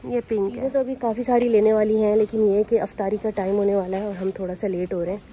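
A woman's voice: mid-range voice, flat delivery, quick pace, warm tone, poor audio. A young woman chatting casually in a vlog, mixing Hindi and English, filmed on a handheld phone inside a large store. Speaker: vlogger. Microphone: phone held at arm's length.

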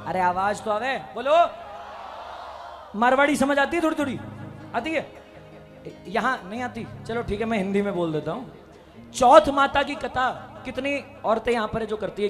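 A man with a strikingly high voice leads a live devotional crowd from a handheld stage mic. He talks energetically and coaxes the audience to call back, now and then breaking into shouts. Devotional band music plays clearly behind him. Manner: energetic, chatty, coaxing the crowd, bursts into shouts. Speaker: bhajan singer leading a devotional crowd.

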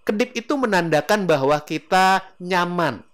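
A middle-aged man teaching public speaking in a casual, animated way, acting out little examples as he goes. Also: high voice, moderate pace. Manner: animated, demonstrates examples with acted voices. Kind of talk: casual spoken lesson.

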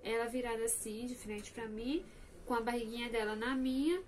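A woman's voice: fairly high pitch, normal speed, slight background noise. Chatty young woman telling her story. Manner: chatty, animated, addresses viewers as "gente". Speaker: vlogger. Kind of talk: casual personal storytelling.

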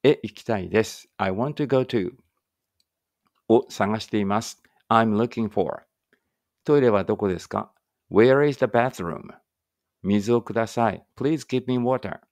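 An English teacher leads phrase drills in a low, gravelly voice, with studio quality and no echo. Reading Japanese first and then English, he goes slowly and deliberately, while his explanations stay relaxed and conversational.

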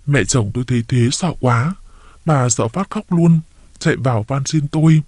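A man narrating a rural short story in a steady reading voice. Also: mid-range voice, normal speed, dry recording.

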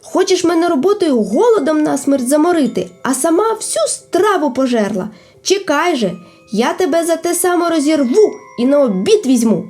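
Wolf: a woman doing an angry shouting wolf. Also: sits high, big pitch swings, moderate pace, faint music behind, pitched above the performer's own voice. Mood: furious. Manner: shouting, threatening. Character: hungry, angry male wolf.

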